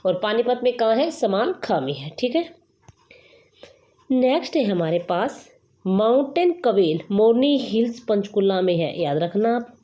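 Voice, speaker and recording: Lady teacher doing gk memory tricks, warm voice, kinda muffled lo-fi audio. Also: mid-range voice, sing-song, unhurried. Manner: playful, acts out mnemonic dialogue lines. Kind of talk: exam-prep lesson with memory tricks. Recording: dull lo-fi recording.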